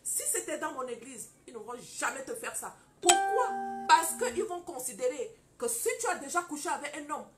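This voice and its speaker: High-voiced woman preaching with fervor. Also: lively intonation, fairly quick, hardly any pauses, loud music behind the voice. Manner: fervent, swings from quiet storytelling to loud declarations; addresses listeners directly, scolding and exhorting. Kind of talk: testimony-style preaching to an audience.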